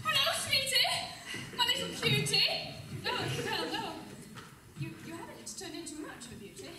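A woman playing a bossy, gushing queen mother in a camp, shrill pantomime dame manner. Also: very animated, moderate pace. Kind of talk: amateur stage pantomime. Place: school-style theatre stage, far camera. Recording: distant, echoey stage recording with noise.

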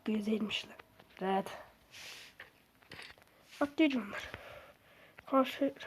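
A young woman giving casual, excitable commentary while playing a video game, swearing and shrieking at it. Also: mid-range voice, slow pace, a little hiss or hum. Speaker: gaming streamer.

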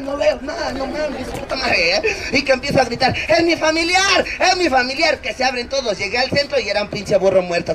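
A Mexican street comedian in a city plaza, his voice sitting very high for a man. He roasts the people around him with crude, slangy banter. A loud crowd fills the open air behind him. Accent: Mexican Spanish. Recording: loud crowd noise outdoors. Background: large crowd laughing.

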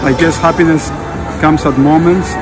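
A middle-aged man answering a street interview reflectively, searching slowly for his words. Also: a little high, fairly even intonation. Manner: thoughtful, hesitant, searching for words. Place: outdoors at a street corner. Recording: loud music and crowd on street.

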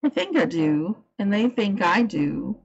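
A woman voicing a cheerful farm boy who talks to birds, in a broad with a gentle, friendly manner, in a storybook reading. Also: mid-range voice, big pitch swings, unhurried, breathy edge, highs cut off, exaggerated voice.

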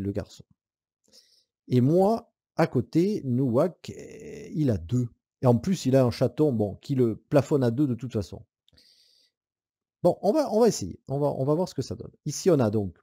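Man with a very dark, lively voice. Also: mid-range voice, no echo, studio quality. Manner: thinks aloud, counting dice and weighing moves; casual, with hesitant fillers and soft laughs. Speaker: board game player explaining rules. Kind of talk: solo board game playthrough tutorial.

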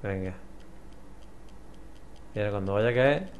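A young man with an accent from Spain, commentating a puzzle game as he plays, muttering, swearing and now and then yelling in frustration. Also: fairly low pitch, a little slow, highs cut off. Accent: Spanish from Spain. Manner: swears a lot, mutters to himself, bursts into frustrated yells. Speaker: gameplay commentator. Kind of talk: let's play commentary.

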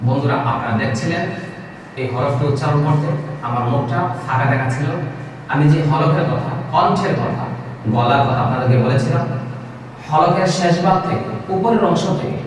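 A man's voice: a little high, normal speed, a little hiss or hum. A man from Bangladesh with a Bangladeshi Bengali accent, teaching Quran letters in a patient, repetitive way and drawing out each sound. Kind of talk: recorded recitation lesson. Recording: echoey hall, voice from a distance.

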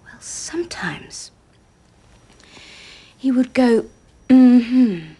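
A wry, husky ex-analysand. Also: female voice, fairly high pitch, lively intonation, extremely slow, dark tone, exaggerated voice. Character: wry woman who was once in analysis. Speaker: woman recalling her analysis. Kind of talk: film dialogue.

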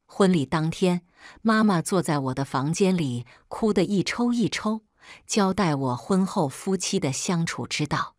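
Low-voiced woman reading a story. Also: lively intonation, unhurried, no echo, studio quality. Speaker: story narrator. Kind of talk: scripted first-person narration.

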